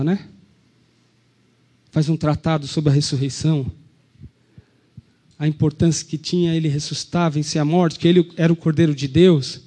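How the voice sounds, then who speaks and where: The preacher here, a man whose Brazilian Portuguese accent colors a slightly high, dark voice, retells the Easter story from the pulpit. He keeps asking the congregation rhetorical questions.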